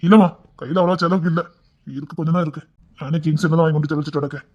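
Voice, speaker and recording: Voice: mid-range voice, fairly even intonation, darkish tone, muffled recording, lightly acted. A performer playing a blunt young husband, a police officer who argues with his mother in a family drama skit. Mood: firm. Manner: blunt, rapid, scolding.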